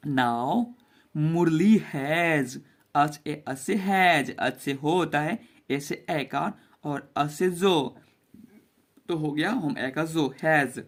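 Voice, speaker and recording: A man teaching a basic English reading lesson to children, spelling each word out letter by letter and repeating it. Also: a little high. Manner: spells words letter by letter and repeats them slowly.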